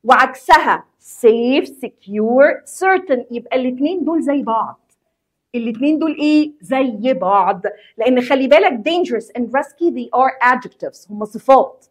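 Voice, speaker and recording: An Egyptian woman teaching English vocabulary, her high voice climbing and dipping with lots of movement. There is a slightly husky, breathy edge to her tone. She stretches each English word out for clear pronunciation, then rattles off casual explanations to her class. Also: expressive. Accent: Egyptian Arabic. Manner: reads English words slowly and clearly, then explains them in quick colloquial Arabic; chatty, addresses students directly as a group. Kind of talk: vocabulary lesson for secondary students.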